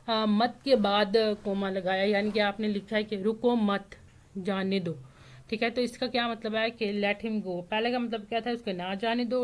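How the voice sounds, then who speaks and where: A woman from Pakistan, giving a casual spoken lecture as an online tutor and often checking in with "theek hai". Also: medium pitch. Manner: explains with frequent fillers and "theek hai" check-ins.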